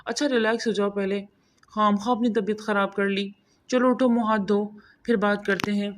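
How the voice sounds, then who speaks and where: A worried, caring young husband, as a woman reader puts him on in an audio novel. He speaks gently at a middling pitch. He soothes and presses for answers. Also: fairly even intonation, a little hiss or hum, lightly acted. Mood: concerned.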